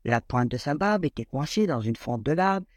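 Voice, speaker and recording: A man reading a classic fairy tale aloud in an expressive, lilting storyteller manner. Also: on the high side, normal speed, no room sound.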